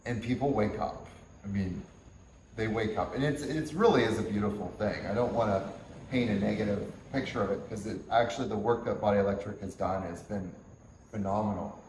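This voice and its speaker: A man with a fairly low voice leads a workshop-style yoga lecture. He explains things gently and unhurriedly, often chuckling as he goes. The room around him is echoey, with a faint hum in the background. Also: distant mic. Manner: gentle, unhurried teaching talk with frequent chuckles. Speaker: yoga teacher. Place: teaching hall at a yoga retreat center.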